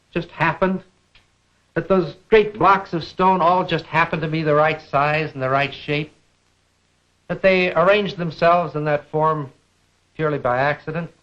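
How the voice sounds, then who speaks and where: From a 1950s film soundtrack comes a deliberate, measured educational lecture by a middle-aged American man who asks rhetorical questions. His pitch is fairly high and a bit bright, heard through lo-fi sound.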